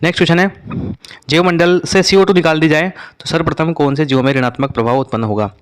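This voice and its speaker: A male teacher works briskly through exam revision questions. His voice is clear and smooth, and he quizzes his listeners, then repeats each answer to drill it in. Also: fairly high pitch, fairly even intonation.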